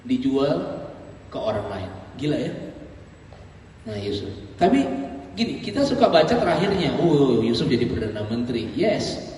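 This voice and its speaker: A man preaching a lively, casual youth sermon, joking and acting out voices. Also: mid-range voice, moderate pace, long pauses, a little hiss or hum. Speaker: pastor. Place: church hall. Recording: echoey hall, distant mic.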